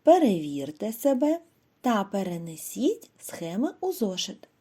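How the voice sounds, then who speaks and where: Ukrainian woman as a primary teacher, slow and sing-song, soft mellow tone, lively pitch. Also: slightly rough. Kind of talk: scripted lesson narration for young children.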